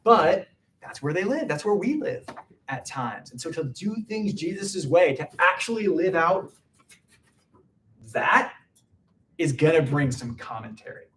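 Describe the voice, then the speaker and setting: A man's voice: on the high side, very animated, a little slow, pauses often, fairly bright tone, recorded from a distance, a little hiss or hum. A man preaching a casual midweek sermon, chatty and full of "like" fillers. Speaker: pastor.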